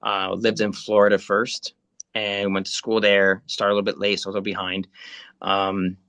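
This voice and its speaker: A man's voice: on the low side, monotone, moderate pace, fairly bright tone, clean tone, dry recording. Chatty Italian-born man in his thirties. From Italy. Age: 30s. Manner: rambling, many fillers and restarts. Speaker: spiritual guide. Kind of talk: casual video call chat.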